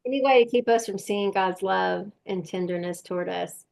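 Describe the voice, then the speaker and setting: Host, woman: gravelly edge, thoughtful, searches for her words, faith talk. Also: mid-range voice, moderate pace, a little mellow. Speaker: podcast host. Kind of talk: faith-based conversation.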